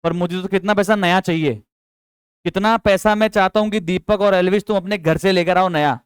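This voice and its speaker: Man, accountancy lecture, high voice, smooth and dry close sound, keeps quizzing students. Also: fairly even intonation, normal speed, no echo. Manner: chatty, coaxing, quizzes students with repeated questions; mixes English terms into speech. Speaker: accountancy teacher. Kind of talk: classroom lecture.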